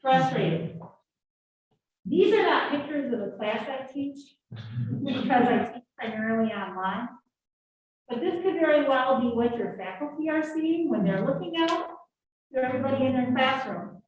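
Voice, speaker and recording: A woman with a high-pitched voice speaking at normal speed runs a live leadership workshop in a classroom. She is lively and draws answers from the audience, while the echoey room and distant mic leave the sound muffled.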